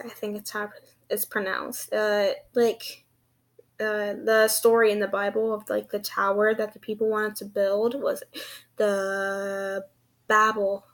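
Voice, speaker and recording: Slow-talking young woman with a slushy lisp. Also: medium pitch. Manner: giggly, self-deprecating, hesitant. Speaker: vlogger. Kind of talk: casual rambling vlog chat.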